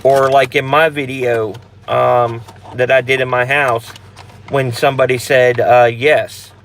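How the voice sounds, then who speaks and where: A man's voice: medium pitch, level tone, measured pace, fairly bright tone, a little hiss or hum. A man hosting a casual live Q&A for a paranormal channel, talking in a rambling, blunt way with frequent restarts and some swearing.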